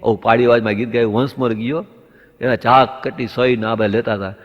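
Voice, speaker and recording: Here a stand-up comedian spins anecdotes, performing both speakers' lines until the punchline arrives. He has a medium-pitched, steady voice and talks a little fast. The audio is dull and lo-fi with a long hall reverb.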